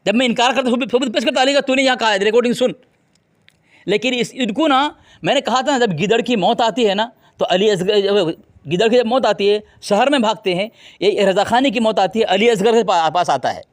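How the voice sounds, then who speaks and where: A man with a very high voice debates hotly on a call. He taunts and insults his rival, repeating his claims and demanding proof. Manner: combative, taunting, insulting the opponent. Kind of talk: heated religious debate.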